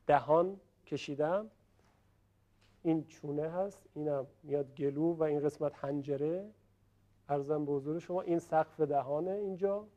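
Middle-aged male teacher in a classroom, higher-pitched voice, patient and explanatory, demonstrates each sound slowly. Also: a little mellow, muffled recording. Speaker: Quran recitation teacher. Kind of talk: classroom tajwid lesson.

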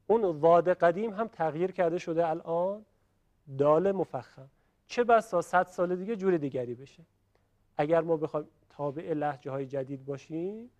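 Middle-aged male teacher in a classroom, higher-pitched voice, patient and explanatory, demonstrates each sound slowly. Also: darkish tone, muffled recording. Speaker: Quran recitation teacher. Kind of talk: classroom tajwid lesson.

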